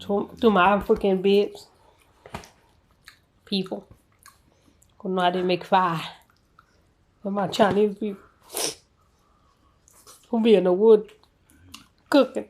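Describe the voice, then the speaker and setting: A woman's voice: mid-range voice, level tone, takes it slowly, pauses often, darkish tone. A woman hosting a casual food video, chatting playfully to viewers and often repeating herself. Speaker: mukbang host and cook.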